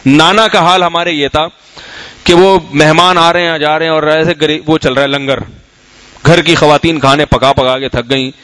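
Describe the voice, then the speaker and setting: A man's voice: a little high, steady tone, fairly bright tone, clear, resonant tone, no room sound, poor audio. A middle-aged man from Pakistan, an Islamic scholar giving a conversational sermon, telling anecdotes and asking the audience questions. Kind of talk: sermon and Q&A talk.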